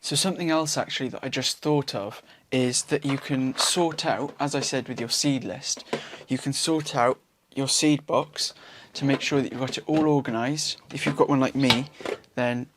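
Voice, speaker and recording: A young man from Wales giving a relaxed, chatty gardening how-to outdoors, with frequent ums and self-corrections. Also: medium pitch, moderate pace, few pauses, background noise. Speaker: gardening vlogger. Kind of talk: casual how-to vlog.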